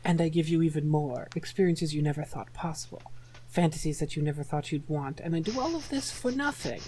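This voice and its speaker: A woman reading a scripted hypnotic role-play in a slow, commanding, teasing way. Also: low-pitched, lively intonation, dark tone, a little hiss or hum, low-quality recording. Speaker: erotic audio creator.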